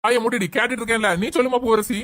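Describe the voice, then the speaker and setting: A woman's voice: fairly high pitch, level tone, racing, very noisy, natural voice. A woman voicing a strict, commanding middle-aged father in a family skit. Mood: stern. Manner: commanding, stern.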